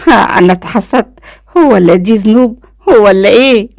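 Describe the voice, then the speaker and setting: A woman with an Egyptian accent voicing a stubborn, quick-tempered young woman in a spoken story. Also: gravelly, a little mellow, no echo, clean studio sound, lightly acted. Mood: exasperated. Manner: exclaiming, high-pitched outbursts.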